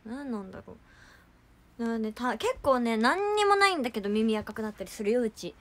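Reading fan comments and reacting on the spot, this young woman runs a relaxed livestream full of filler talk. Her slightly high voice is sing-song and fairly bright, and she moves at a quick pace.

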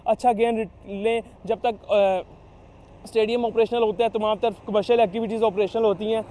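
A young man, a real estate agent giving a persuasive sales pitch outdoors at a construction site, with frequent fillers. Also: steady tone, normal speed, dark tone. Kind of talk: promotional site-visit talk to camera.

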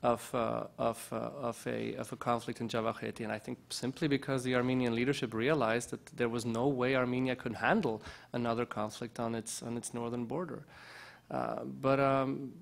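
Keynote speaker, man in his forties, gravelly, hesitant, table mic indoors. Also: mid-range voice, flat delivery, normal speed. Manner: hesitant, many restarts and fillers. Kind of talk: conference talk and Q&A answers. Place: conference lounge, indoors. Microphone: table microphone.

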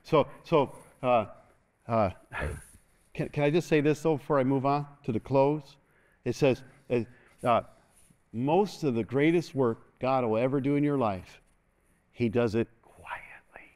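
A middle-aged man preaching a sermon from a church stage, animated and constantly calling for an "amen" from the congregation. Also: mid-range voice, a little slow, pauses often. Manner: animated, moves about the stage, call-and-response asking "amen". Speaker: pastor. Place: large church stage, indoors.

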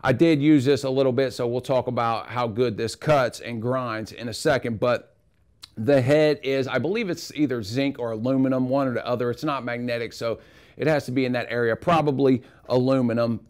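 A man's voice: mid-range voice, brisk. Casual man reviewing tools in his garage. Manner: relaxed, rambling, frank opinions. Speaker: tool reviewer. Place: home garage.

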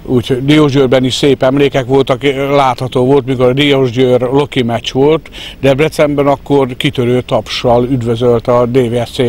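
A man in his fifties giving an interview in a halting, hesitant way into a handheld microphone. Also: medium pitch, flat delivery, darkish tone. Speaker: fan club organiser, interviewee. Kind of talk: interview talk. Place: outdoors in a park. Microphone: handheld reporter microphone. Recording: outdoor park ambience, faint noise.

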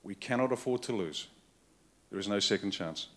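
A middle-aged Australian man with a lowish voice delivers a rousing political keynote at a moderate pace from a conference hall stage. He speaks into a podium microphone on a stand, using punchy, emphatic short phrases that he often repeats.

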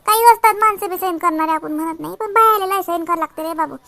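A woman playing a very high-voiced long-suffering aunt. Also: fast talker, vocal fry, sharp tone, no room sound, heavily acted. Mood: resigned. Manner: pleading, preachy about endurance. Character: middle-aged long-suffering aunt, a patient wife. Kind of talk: comedy skit acting.

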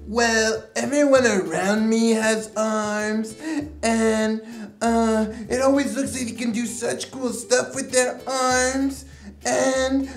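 A man's voice: very high-pitched, steady tone, takes it slowly, roomy sound, faint music behind, heavily acted. A man voicing a touchy, easily dejected orange worm puppet with slangy, exclamatory talk in a children's sketch.

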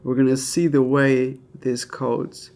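A man hosting a casual cooking vlog, talking to camera and gushing excitedly over how his recipe turned out. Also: medium pitch, slow pace, faint music behind. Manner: excitable, gushing when tasting. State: throat sore, tired. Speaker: cooking video host.

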